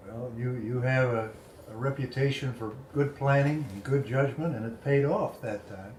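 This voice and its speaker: Male interviewer, measured and courteous, recorded in a roomy space with faint noise. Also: medium pitch, darkish tone. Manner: measured, polite, phrasing questions carefully. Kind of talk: oral history interview.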